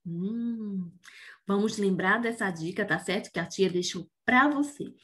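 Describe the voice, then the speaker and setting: A Brazilian woman teaching young children about syllables, slow and patient, often checking in with "né?" and "não é?". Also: medium pitch, fairly bright tone. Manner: slow and patient, asks "né?" and "não é?" after most points; says words slowly, syllable by syllable. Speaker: primary school teacher. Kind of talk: remote reading lesson for young children.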